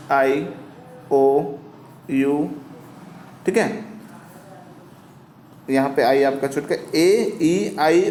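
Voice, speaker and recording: Man, teacher, high-pitched, repetitive quizzing delivery, echoey room. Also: darkish tone. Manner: repetitive, asks and answers himself. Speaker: English teacher. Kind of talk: classroom lecture with rhetorical questions.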